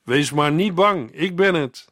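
Male narrator reading Jesus, gentle and reassuring, dry and close. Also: on the high side, unhurried, no echo, voice pushed up.

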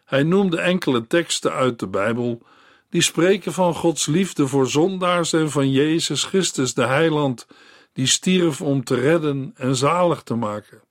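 A man narrating a scripted devotional story in a measured storytelling manner as the host of a Bible series. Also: on the high side, no echo, studio quality.

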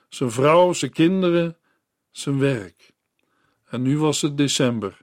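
Slow, earnest male Bible narrator. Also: on the high side, no room sound, clean studio sound. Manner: measured, earnest reading, addresses the listener. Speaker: radio Bible teacher. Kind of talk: scripted story narration in a Bible broadcast.

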